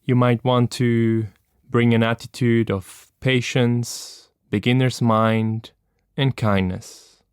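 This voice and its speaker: Speaking very slowly, a man guides a meditation in a smooth, clear, medium-pitched voice. He's gentle and calm, leaving long pauses between instructions, and the recording is close and dry.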